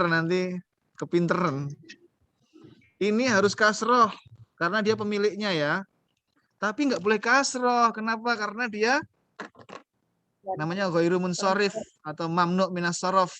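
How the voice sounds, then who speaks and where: A man's voice: high-pitched, a bit bright, dry recording. A man teaching a beginner Arabic class online, patient and coaxing, quizzing his students as he goes.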